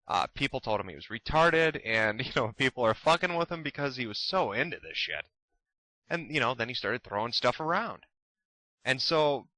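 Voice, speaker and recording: A man's voice: mid-range voice, pushed and bright, no room sound, low-quality recording. Heated, profane man ranting. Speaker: commentary host. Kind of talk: ranting commentary.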